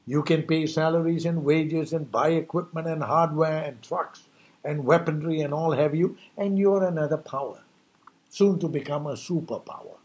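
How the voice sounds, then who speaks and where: An emphatic, preachy man with a fairly high voice, delivering an impassioned New Year monologue. He hammers his points home and keeps throwing out rhetorical questions. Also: moderate pace, darkish tone. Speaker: speaker giving a New Year message.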